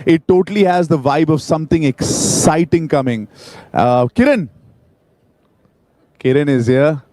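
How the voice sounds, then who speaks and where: A man with an Indian accent hosting a live event in an excited, informal, chatty way. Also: a little high, measured pace, dry recording. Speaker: event host. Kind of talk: enthusiastic live event hosting, vox-pop interviews.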